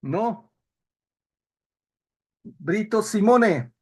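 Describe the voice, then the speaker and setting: A man's voice: high-pitched, lively intonation, drawn-out words, husky. A man teaching an online class, explaining rules and putting questions to students over a video call.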